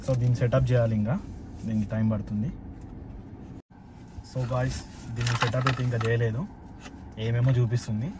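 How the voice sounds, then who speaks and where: A man's voice: mid-range voice, level tone, a little fast, long pauses, background noise. A man hosting a casual unboxing vlog. He chats easily and slips English words into his talk. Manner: chatty, mixing in English words. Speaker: vlog host.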